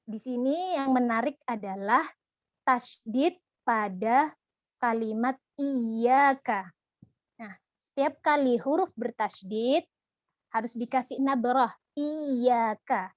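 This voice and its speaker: A woman teaching Quran recitation in an online lesson, patient and gentle, demonstrating each syllable slowly. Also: on the high side, no echo, muffled recording.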